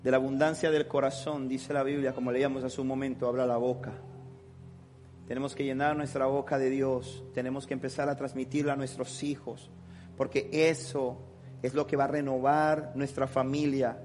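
A man preaching a sermon as pastor, swinging between shouted passion and quiet, confiding talk. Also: medium pitch, level tone, normal speed, soft background music. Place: church with long reverb. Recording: reverberant church hall.

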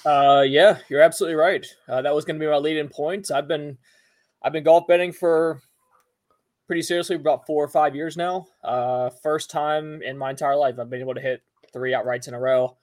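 A man hosting a sports betting podcast in casual chat, rambling and halting, with lots of you-knows. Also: a little high, steady tone, a little mellow. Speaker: golf betting podcast host.

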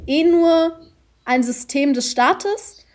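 Teenage girl, high pitch, lively casual storyteller from Germany. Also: takes it slowly. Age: teens. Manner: animated storytelling, acts out voices in anecdotes. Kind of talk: casual chat.

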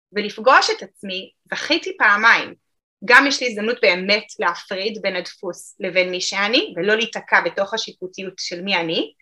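Bright-voiced woman explaining calmly. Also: medium pitch. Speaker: emotional eating therapist. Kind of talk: podcast interview answers.

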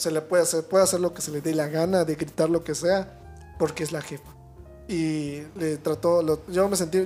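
Mexican man telling a story animatedly. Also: on the high side. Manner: animated storyteller, acting out quoted shouting. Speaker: podcast guest. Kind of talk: casual chat.

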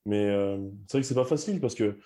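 A man's voice: lowish voice, animated, fast, dark tone. A young man, a rugby player, talking candidly in a casual chat with many restarts.

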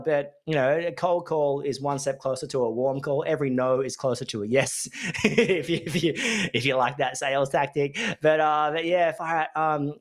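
A man, a tradesman and business owner, hosting a solo podcast in a rambling, jokey storytelling way. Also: fairly high pitch. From Australia. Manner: rambling, jokey storytelling with animated put-on voices. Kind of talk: casual solo podcast talk.

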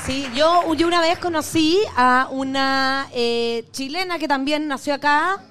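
A woman's voice: high-pitched, a little slow, a bit bright, soft background music, some chatter behind. A woman co-hosting a live podcast show, chatty and enthusiastic, telling anecdotes. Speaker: podcast co-host. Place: live venue with audience.

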